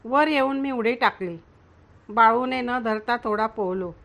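A woman narrating a storybook reading in a gentle, measured way. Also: fairly high pitch, creaky.

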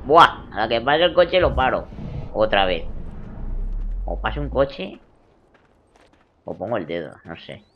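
A man, doing let's play commentary over a video game, jokey and swearing, muttering then suddenly shouting. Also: medium pitch, lively intonation, slow pace, pauses often, highs cut off, a little hiss or hum. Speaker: gaming video creator.

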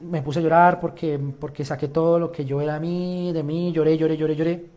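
A young man, a reality show contestant, casually explains his side of a story to the camera and acts out the quoted dialogue. His voice is fairly high and level, brisk and warm, and the recording has its highs cut off.

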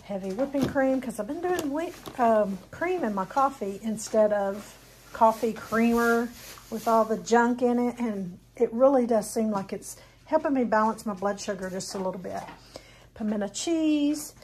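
Recorded indoors in a home kitchen, with slight background noise and poor audio, a fifties-aged woman casually rambles through a grocery haul for her home vlog, full of ums and self-corrections. Her voice is on the high side, a little mellow, at normal speed.

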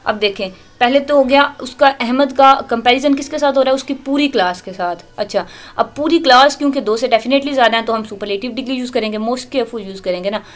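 A woman giving a recorded lecture, explaining English grammar in Urdu. She reads the English examples out slowly and often corrects herself mid-sentence. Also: on the high side.

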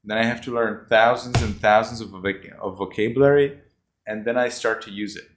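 Over echoey video call audio from a laptop mic, a man with a voice on the low side teaches children at a moderate pace and fairly even intonation, against a noisy background. It's casual online class talk, rambling and repetitive, peppered with "you know."

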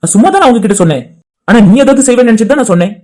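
A man voicing a remorseful young man in a cartoon, speaking softly and apologetically. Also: very high-pitched, expressive, rapid-fire. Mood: gentle. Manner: soft, apologetic talk.

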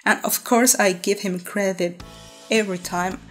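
A woman's voice: medium pitch, steady tone, takes it slowly, soft background music. A woman artist narrating her art video in an easygoing, laid-back voice-over, full of fillers. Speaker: artist vlogger.

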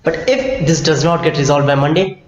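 A man's voice: fairly high pitch, moderate pace, natural voice. A young man playing an impatient, complaining customer in a role-play. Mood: irritated. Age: young adult. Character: irate young male customer threatening to sue. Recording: very echoey hall-like room, dull, faint noise.

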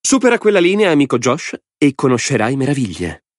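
A man's voice: mid-range voice, wildly swooping pitch, a little fast, dry recording, studio quality, pitched above the performer's own voice. A man voicing a gleeful, mad male lord in an audiobook, a theatrical villain who talks in a mocking, sing-song, grand way. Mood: gleeful menace. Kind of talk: audiobook character voice.

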